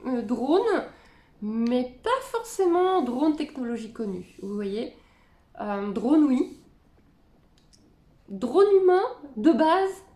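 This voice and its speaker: Woman, casual reaction commentary, chatty and musing, slightly high pitch, echoey room. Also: very animated, slow pace, long pauses, dark tone. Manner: musing, chatty, reads captions aloud then comments. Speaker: spiritual content creator reacting to videos.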